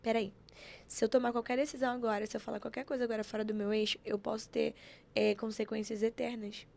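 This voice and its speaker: A woman telling stories in an animated, preachy way, acting out quotes as she chats on a podcast. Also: on the high side, fast, vocal fry. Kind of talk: casual chat.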